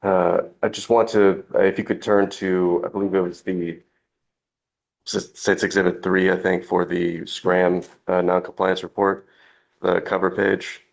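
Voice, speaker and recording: A courtroom recording of a man working as defense counsel. His voice is deep and creaky with flat intonation, and he questions haltingly, often restarting his phrases. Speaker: defense lawyer.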